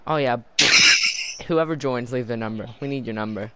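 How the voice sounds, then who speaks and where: A man streaming a party game with friends, joking around and laughing often in loose, excitable banter. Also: mid-range voice, normal speed. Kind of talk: casual gaming banter. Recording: loud background noise.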